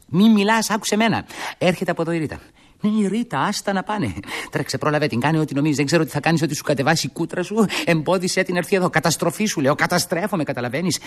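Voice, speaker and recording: Flustered young daydreamer. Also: male voice, fairly high pitch, breathy edge. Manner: dreamy and grand, then frantic and pleading on the phone. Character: dreamy young man, flustered fibber.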